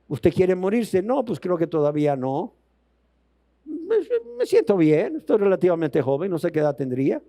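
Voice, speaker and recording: A man's voice: high-pitched, big pitch swings, normal speed, warm tone. A man preaching a sermon voices an unworried young man who gives casual, offhand answers.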